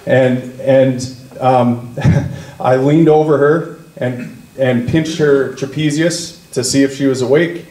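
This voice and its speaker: A man leading a political party, speaking at a party meeting and telling a story, slowing down to lean on key words. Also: mid-range voice, steady tone, warm tone. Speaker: party leader. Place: meeting room. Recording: echoey meeting room.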